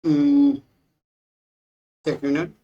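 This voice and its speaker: A woman's voice: high-pitched, very animated, drawn-out words, mellow, highs cut off. A woman teaching a maths class in Hindi with a Bihari accent. She explains patiently, repeats herself and keeps checking with the students.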